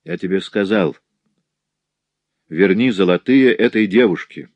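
A man voicing a calm, stern nobleman in a storybook reading, speaking in a kind, sonorous and firm voice. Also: sits low, measured pace, dry recording.

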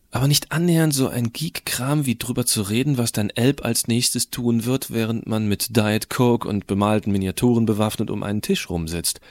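A man performs as a geeky, cheeky teenager recounting his own story in colloquial, expressive first-person audio drama narration. His voice is lowish, and there's no room sound.

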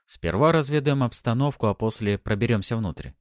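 A man's voice: medium pitch, expressive, a little fast, no echo, studio quality, voice pushed up, lightly acted. A man doing a serious, frowning partner. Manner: earnest, stern.

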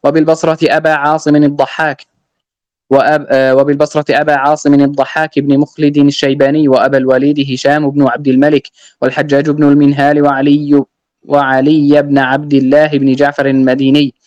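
A man reads a classical religious text aloud for a lesson, slow and steady, and chants the verses he quotes. His voice is smooth and resonant but keeps to a narrow pitch. The recording is dry and a little dull. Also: no room sound. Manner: slow, even reading, chanting verses, restarting on slips. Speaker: student reading the text aloud. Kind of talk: measured reading of a classical text with Quranic recitation.

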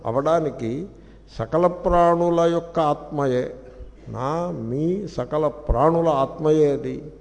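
Man teaching scripture, gravelly kinda dark voice, acts out little stories, echoey old hall tape. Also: mid-range voice. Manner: acts out dialogue in quick anecdotes. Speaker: spiritual teacher. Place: hall of a spiritual society. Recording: echoey hall recording, poor quality.

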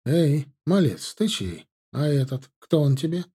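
A man voicing a loud young Russian jäger who shouts urgently in a raised voice. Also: a little high, sing-song, measured pace, slightly rough, exaggerated voice. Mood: pressing.

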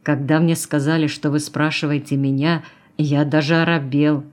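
A woman's voice: deep voice, little pitch movement, normal speed, darkish tone, lightly acted. A woman reading the lines of a plainspoken, grumbling male truck driver in an audiobook.

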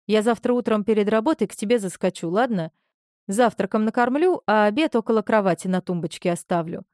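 A caring, obliging young man, read by a woman narrator. He sounds gentle and reassuring in her own middle-pitched voice. The storybook recording is dry and close. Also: brisk, no room sound, natural voice.

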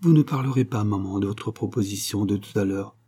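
A man's voice: on the low side, brisk, dark tone, husky. A man reading a novel aloud and voicing a fervent, pleading young pregnant woman. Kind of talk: audiobook reading.

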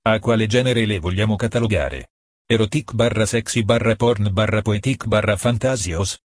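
A man's voice: fairly low pitch, moderate pace, breathy edge, dry recording. A man reading aloud and voicing a bold young woman who teases and mocks. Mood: teasing. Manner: teasing, mocking. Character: teasing playful young woman, mocking and bold.

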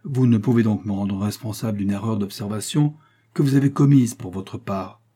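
A man doing a calm, measured lieutenant. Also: fairly low pitch, slightly rough. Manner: tranquil, measured. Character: calm, steady middle-aged male lieutenant.

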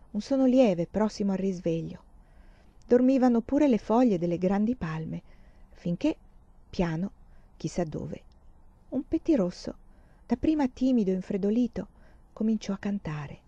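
A woman narrating a literary novel in a measured, expressive reading, in a slightly muffled recording. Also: fairly low pitch, dry recording. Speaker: audiobook reader.

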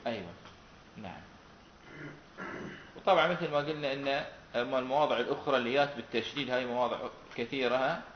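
A man's voice: mid-range voice, quick pace, pauses often. Male teacher, quizzes his class and echoes their answers; echoey room, dull sound, light hiss. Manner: asks students questions and repeats their answers. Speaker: Quran recitation teacher. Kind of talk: classroom lesson with questions to students. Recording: roomy, dull recording with faint noise.

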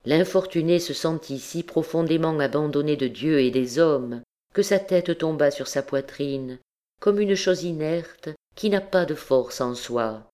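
A woman reading a classic novel aloud as an audiobook, in a measured, solemn way. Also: deep voice, warm tone. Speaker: audiobook narrator. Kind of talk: scripted literary narration.

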